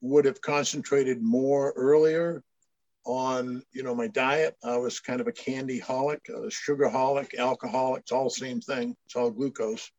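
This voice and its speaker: A man's voice: medium pitch, steady tone, normal speed, darkish tone, no echo. Older man from Maine, rambling storyteller, dull lo-fi dry sound. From Maine, USA. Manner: rambling storyteller with frequent restarts. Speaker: guest. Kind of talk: casual chat.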